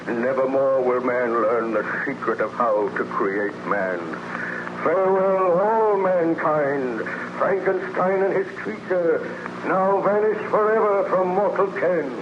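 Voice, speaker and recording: A man's voice: medium pitch, highs cut off. An actor playing a bitter, anguished, lonely man-made monster in solemn, declamatory 1930s radio drama style. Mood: grave, sorrowful, then exalted farewell. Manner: declamatory, solemn, theatrical, formal phrasing. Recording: noisy, band-limited 1930s radio recording.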